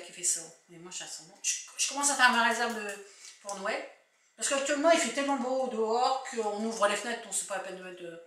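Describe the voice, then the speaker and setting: A bright, chatty woman in her fifties with a Picard French accent talks a little high as she wanders through a shopping haul, restarting her sentences as she goes. The recording is roomy and echoey, with the mic set at a distance and a faint hiss underneath. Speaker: vlogger. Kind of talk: casual shopping-haul chat.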